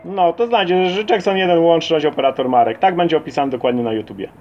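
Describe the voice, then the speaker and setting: At a CB radio set, a man chats casually as an amateur operator during a radio contact, talking quickly in a slightly high voice. The audio is dull and lo-fi, with faint radio noise.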